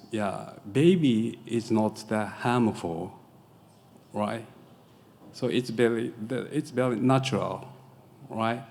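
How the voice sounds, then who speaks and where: A middle-aged professor with a Japanese accent presents design research at a conference from a lecture hall podium, speaking through the podium mic. A non-native English speaker, he is halting, searches for words, and frequently says "yeah," his voice fairly low and warm. The hall is echoey with audible background noise.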